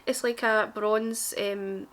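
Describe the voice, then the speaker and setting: A woman's voice: mid-range voice, flat delivery, takes it slowly, fairly bright tone. A young woman with a broad, strong Glaswegian Scottish accent, chatting casually and self-deprecatingly to camera in an informal, rambling makeup tutorial. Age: young adult. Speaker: beauty vlogger.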